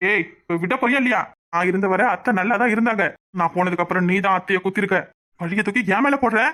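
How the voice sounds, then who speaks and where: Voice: mid-range voice, fast talker, sharp tone, dry recording, close to an everyday voice. A voice actor playing a cowardly, blustering drunk man in a cartoon, panicky and defensive. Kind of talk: cartoon voice acting.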